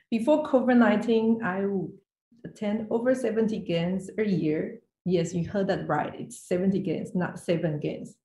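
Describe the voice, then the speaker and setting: A finance executive from Taiwan presents as a guest speaker in a prepared online talk, her medium-pitched voice carrying a dark tone. She speaks from an indoor room via video call. Echo fills the recording, which sounds like roomy online call audio.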